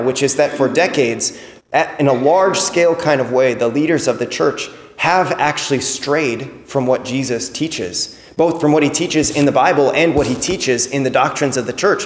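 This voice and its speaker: Man preaching casually in an echoey church. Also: fairly high pitch. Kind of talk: conversational sermon. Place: large reverberant church interior. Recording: echoey hall with long reverb.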